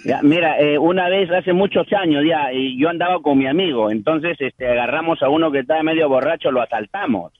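A man's voice: on the high side, brisk, few pauses. A man calling in to a radio show, telling a funny story in a brash, friendly way and calling the host brother. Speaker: radio caller. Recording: dull phone-line caller audio.

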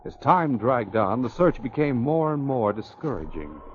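A man's voice: medium pitch, sing-song, normal speed. A man giving scripted narration for an old-time radio drama. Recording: dull, hissy, clicking old radio recording.

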